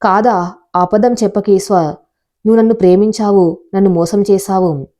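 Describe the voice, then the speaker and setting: A woman voicing a distraught, jilted young woman who shouts accusations. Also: mid-range voice, steady tone, normal speed, close to an everyday voice. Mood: desperate accusing.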